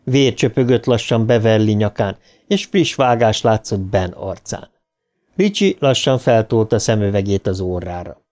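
A man reading a horror novel aloud as an audiobook narrator, with dramatic lifts of pitch at tense moments. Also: animated, a little mellow.

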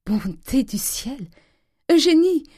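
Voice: mid-range voice, little pitch movement, moderate pace, mellow, no echo, clean studio sound, natural voice. A reader voicing a frail, devout old mother who pleads and cries out. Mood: overjoyed. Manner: pleading, then crying out. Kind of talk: audiobook character voice.

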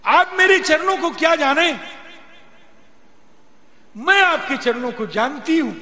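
A man's voice: extremely high pitch, animated, takes it slowly, pushed and bright, pitched above the performer's own voice, heavily acted. A man voicing the devoted young princess Sita, pleading in a rising, emphatic way during a religious discourse. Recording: long hall reverb, faint noise.

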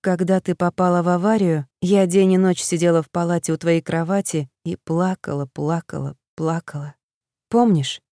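A woman voicing a weary, tearful middle-aged mother in an audiobook, speaking softly and sadly. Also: fairly low pitch, steady tone, normal speed, dry recording, clean studio sound, lightly acted. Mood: tender, tearful. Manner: soft, quiet, sorrowful. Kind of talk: audiobook dialogue reading.

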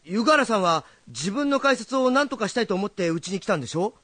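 A man voicing a young, meddling but kind rakugo storyteller in a drama, direct and animated. His voice is slightly high with a very lively pitch, recorded dry and close. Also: quick pace, dry recording, full character voice. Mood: pushing.

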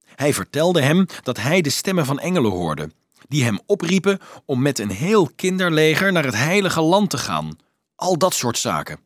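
A man's voice: a little high, sing-song, moderate pace, dry recording, clean studio sound. A man voicing a remorseful confessing swindler. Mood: recounting. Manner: earnest, pleading, guilt-ridden. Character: remorseful middle-aged male swindler confessing. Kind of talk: audiobook character voice.

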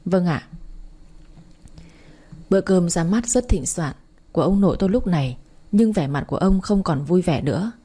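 A woman reading a first-person story aloud in a steady, even way. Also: fairly low pitch, brisk, breathy edge. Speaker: story narrator.

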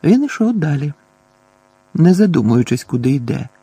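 A man narrating an audiobook in a measured, expressive reading. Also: on the high side, husky, no room sound.

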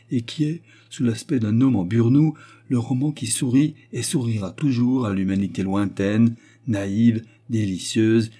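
Husky low-voiced man narrating a tale. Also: warm tone. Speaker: audiobook narrator. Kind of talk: literary audiobook reading.

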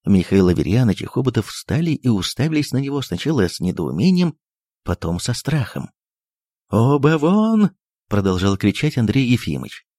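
A man narrating a literary audiobook in a measured, expressive way. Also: lowish voice, no room sound, studio quality.

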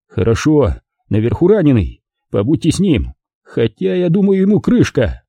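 A man's voice: fairly high pitch, wildly swooping pitch, moderate pace, breathy edge, dry recording, voice pushed up, exaggerated voice. A man voicing a stern detective with a firm, clipped manner in an audiobook. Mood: commanding. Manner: firm and clipped, softening when gentle. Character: stern male detective, commanding but tender. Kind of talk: audiobook character voice.

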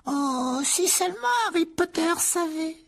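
Woman playing a male house-elf, very high voice, timid, pleading, fretful, audiobook drama. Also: unhurried. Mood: anxious. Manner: pleading, fretful and self-punishing.

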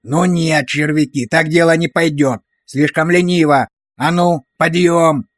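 A man's voice: on the high side, fairly even intonation, measured pace, dry recording, clean studio sound, lightly acted. A man voicing a harsh, abusive drill sergeant who barks orders and insults at recruits. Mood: barking.

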